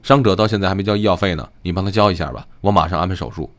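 A man voicing a male doctor who talks in a brisk, matter-of-fact, reproachful way. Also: deep voice, close to an everyday voice.

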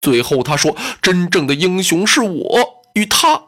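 A wary, humble lord talks in a low, hushed voice, calming his hot-headed brothers. A storyteller puts him on with soft, cautious tones that sit below a bright, lively narrating voice. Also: measured pace. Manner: hushed, soothing, nervously cautious. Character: cautious, humble male lord, middle-aged, anxious.

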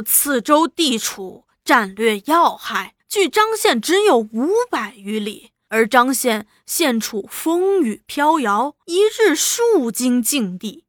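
An eloquent young official full of flattery and persistence, as a woman storyteller puts him on. The voice rides high and lively, delivered at a measured pace. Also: no echo, studio quality, full character voice. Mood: explaining. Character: young man, smooth-talking persuasive official. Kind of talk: storytelling dialogue.

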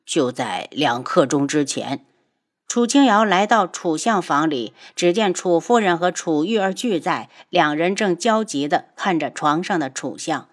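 Animated woman narrating a novel. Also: normal speed, few pauses. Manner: animated storytelling with wide pitch swings. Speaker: audiobook narrator.

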